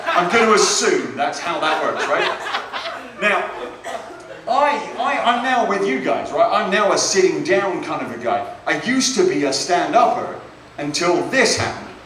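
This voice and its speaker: A British man performing stand-up on a club stage, chatty and self-mocking, with a slightly high voice. The sound is very echoey and comes from some distance away, with a faint hum of room noise behind him. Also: very animated, measured pace. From Britain. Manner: chatty, self-deprecating, keeps asking "right?". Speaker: stand-up comedian. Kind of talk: stand-up comedy set. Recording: echoey club, mic heard from afar.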